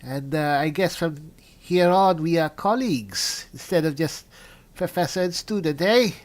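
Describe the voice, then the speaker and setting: Unhurried and expressive, a slightly high male voice belongs to a gaming video host and player. He blends in-character roleplay with game commentary, speaking politely and thinking aloud as he reads out in-game descriptions.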